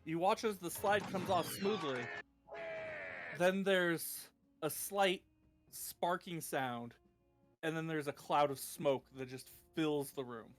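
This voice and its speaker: A man narrating a tabletop game as game master, describing scenes in a relaxed way. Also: fairly high pitch, slow pace, soft background music.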